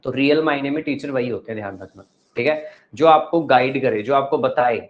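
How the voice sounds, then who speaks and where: A man's voice: medium pitch, fairly quick, muffled recording. A male teacher lecturing a class, asking the pupils questions and giving advice.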